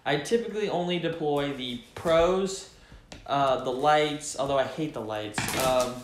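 A man's voice: fairly high pitch, measured pace, roomy sound. A young man chatting casually to the camera from his living room couch, enthusiastic and thinking aloud as he unboxes tech gear. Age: young adult. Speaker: tech vlogger.

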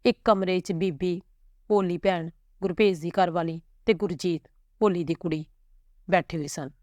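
Female storyteller, steady measured narration, low and dry. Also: no room sound.

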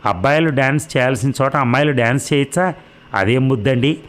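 A man's voice: mid-range voice, fast talker, lightly acted. A man voicing an indignant, stubborn middle-aged mother in a read-aloud novel, firing off scolding questions.

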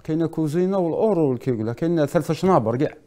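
A man's voice: on the high side, animated, racing, dark tone. A middle-aged man with an Algerian accent, a talk show guest recounting a personal grievance in clipped, repetitive, stumbling phrases. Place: TV studio.

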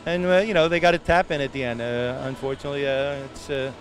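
An older man, a head coach, giving a halting postgame interview full of fillers in an arena. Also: medium pitch, steady tone. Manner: halting, many fillers and restarts. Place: indoor arena, empty seats behind. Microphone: handheld interviewer mic.

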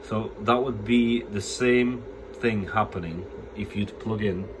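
A deep-voiced phone repair technician with a cold talks slowly and plainly through a casual hands-on repair demo, explaining as he goes with a few restarts. He's at an indoor workbench, filmed on a phone camera held over the bench, with background noise audible.

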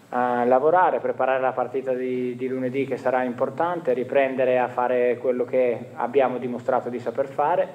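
This is a football coach in his forties at a post-match press conference in a stadium press room, answering through a table microphone. He has a mid-range, darkish voice and speaks in a measured, reflective manner, restarting often.

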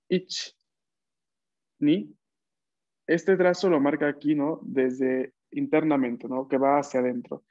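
A man's voice: mid-range voice, a little mellow, no room sound, highs cut off. A man teaching a Japanese class online, patiently counting out strokes as he writes.

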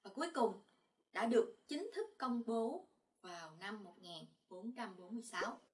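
A woman teaching a language lesson, calmly explaining and repeating each sound loudly for learners to follow. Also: mid-range voice, moderate pace, distant mic. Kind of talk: slow, clear lesson narration.

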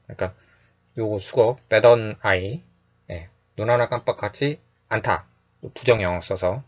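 A man teaching English phrases in a calm, explanatory lecture, repeating each phrase slowly and often adding a short "yes". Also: on the low side, muffled recording.

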